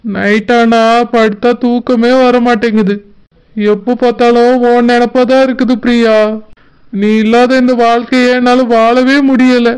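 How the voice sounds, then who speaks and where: A two-faced young man in a cartoon, voiced by an actor, with a smooth, clear, mid-pitched voice. he sweet-talks his girlfriend over the phone and mutters sneering asides about her. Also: flat delivery, measured pace, a little mellow, lightly acted, rough recording. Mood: sweet-talking. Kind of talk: cartoon voice acting.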